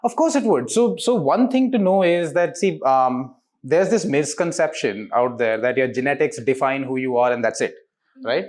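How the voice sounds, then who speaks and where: Speaking at normal speed in a medium-pitched voice with a darkish tone, a man in his 30s represents a diagnostics company in an interview. He explains things articulately and sprinkles in rhetorical questions.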